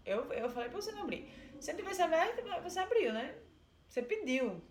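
A woman's voice: sits high, very animated, fairly quick, slight background noise, voice pushed up. A woman with a Brazilian accent voicing a cold, murderous husband who scolds and threatens his wife. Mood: threatening. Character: menacing murderous husband, male adult, cold. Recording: roomy echo.

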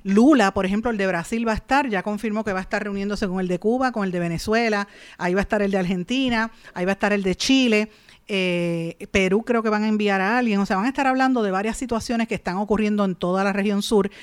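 A woman host with a Puerto Rican Caribbean Spanish accent, delivering conversational commentary straight to her listeners and often putting rhetorical questions and tag questions to them. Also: mid-range voice. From Puerto Rico. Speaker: radio or podcast host and columnist.

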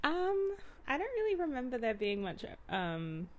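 A woman in her late twenties chatting casually on a podcast, hesitant with many pauses and restarts. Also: sits high, huge pitch swings, dull audio. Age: 20s. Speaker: podcast co-host. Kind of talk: casual chat.

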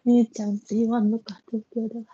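Mellow husky young woman. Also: a little high, flat delivery, quick pace. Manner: attentive listener, frequent short backchannels. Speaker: podcast co-host. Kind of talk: casual chat. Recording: slightly dull lo-fi recording.

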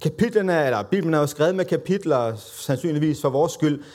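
A man's voice: on the high side, lively intonation, darkish tone. A man preaching a conversational, self-deprecating sermon and acting out the voices of the people in the story.

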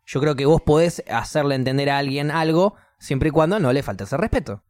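Young Rioplatense male co-host, lively storyteller who does voices, dry close sound. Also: fairly high pitch, fairly quick, dry recording. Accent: Rioplatense Spanish. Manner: animated storyteller, acts out voices. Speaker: podcast co-host. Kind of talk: casual chat.

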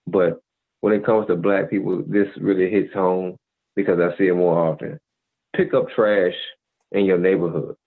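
Deep-voiced man lecturing over a tinny line. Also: steady tone, normal speed. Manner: preachy, repeats "you feel me". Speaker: podcast co-host. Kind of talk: casual advice monologue. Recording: tinny phone-like audio.

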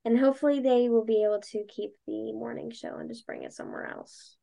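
Young woman guest, talks fast and loose, lots of "like", kinda high voice. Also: fairly even intonation, gravelly, warm tone. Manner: chatty, acts out past conversations, many likes. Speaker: guest, dancer and podcaster. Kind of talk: casual interview chat.

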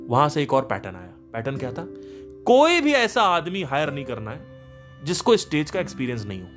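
A man's voice: sits high, a bit bright. A man hosting a podcast, telling anecdotes from running his band in an emphatic, casual way and acting out the people in them. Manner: emphatic, anecdotal, quotes people in their own voices. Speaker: podcast host and band leader. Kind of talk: casual storytelling monologue.

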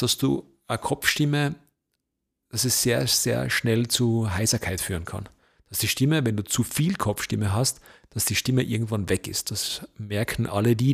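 Gravelly husky man coaching voice technique. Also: medium pitch. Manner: emphatic, animated stresses, slows down to stress key points. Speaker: event host and speaking coach. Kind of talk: instructional talk on voice technique.

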